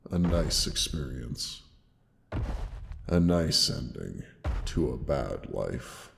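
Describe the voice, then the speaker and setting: In a fantasy audio drama monologue, a huge old dragon near death rumbles in an extremely deep, gravelly, exaggerated voice, wrapped in long cavernous reverb with a little hiss or hum. He speaks very slowly, solemnly, and haltingly, with breathy sighs and weary, tender endearments, sounding wistful.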